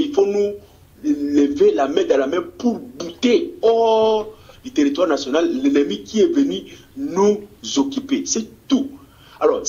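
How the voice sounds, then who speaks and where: A political activist from DR Congo, part of the Congolese diaspora community in Australia, answers an interview with fervent, rousing energy, often stumbling and repeating words. His voice is a little high and a little mellow, heard through a dull lo-fi TV recording.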